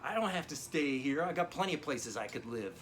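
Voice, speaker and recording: Animated and a little fast, a man with a medium-pitched, slightly bright voice plays a down-on-his-luck drum teacher. Teaching over a video call, he rambles through a digressive, profane story as a comedic character monologue. His delivery sounds natural, with a little hiss or hum.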